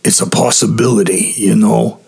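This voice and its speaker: A man voicing a blunt, gruff teen camper. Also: lowish voice, steady tone, moderate pace, a little mellow. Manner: blunt, laid-back slang.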